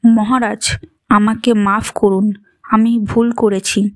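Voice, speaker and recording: A woman's voice: medium pitch, flat delivery, takes it slowly, a little mellow, dry recording, studio quality, lightly acted. Woman reading scheming young empress, begging and tearful. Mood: pleading. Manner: pleading, tearful. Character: scheming young pregnant empress, pleading and desperate.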